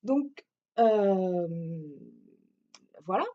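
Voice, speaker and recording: A woman's voice: mid-range voice, animated, extremely slow, dull audio. A French woman who teaches French gives a hesitant, explanatory self-introduction with a French accent, often restarting her sentences. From France.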